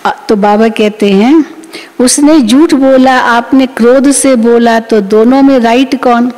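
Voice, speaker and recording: A woman's voice: fairly high pitch, slow, a little mellow, long reverb tail, rough recording. A woman giving a sermon on a spiritual discourse, telling it like a story and acting out the people she quotes. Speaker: spiritual teacher.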